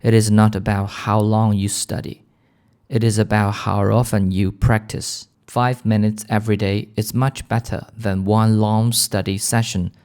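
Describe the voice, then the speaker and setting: A man with a British accent leading a shadowing lesson for English learners in a calm, gentle, clear manner. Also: fairly low pitch. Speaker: English teacher.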